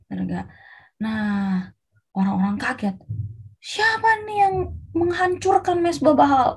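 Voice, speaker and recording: A woman preaching to children, telling a Bible story in a lively, animated way. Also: high-pitched.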